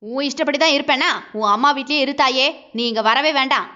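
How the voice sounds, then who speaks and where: A woman's voice: sits high, brisk, sharp tone. A woman voicing an angry, controlling husband who talks harshly and dismissively, in a dull lo-fi recording. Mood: scolding.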